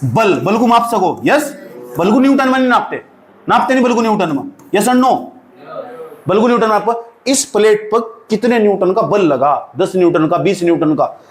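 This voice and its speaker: A high-voiced Indian man teaches physics to a class and keeps quizzing his students in a lively, teasing way. His voice rings around an echoey classroom, with a faint murmur of ambience underneath. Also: slight background noise. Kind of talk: classroom lecture.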